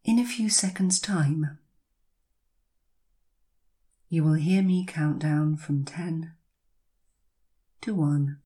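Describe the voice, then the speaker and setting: A woman leading a guided hypnosis session, speaking in a soft, breathy voice with slow, soothing, drawn-out phrases and long pauses. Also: deep voice.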